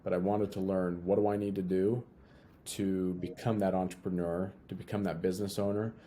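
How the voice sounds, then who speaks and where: A man's voice: deep voice, flat delivery, fairly quick, mellow, a little hiss or hum. A young man from Utah, a guest talking casually in an interview, often repeating and restarting his phrases.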